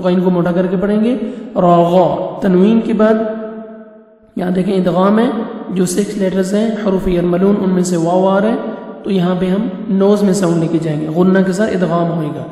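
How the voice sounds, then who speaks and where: A man from Pakistan teaching Quran reading word by word, spelling letters slowly and chanting the verses in drawn-out melodic recitation. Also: sits high, fairly even intonation, dark tone. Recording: very echoey with long reverb, faint music.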